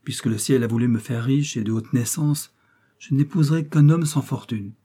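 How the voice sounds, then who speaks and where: Male reader plays a defiant young princess, husky and dark-toned, passionate speeches. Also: mid-range voice, normal speed, lightly acted. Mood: impassioned. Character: proud idealistic young Russian princess.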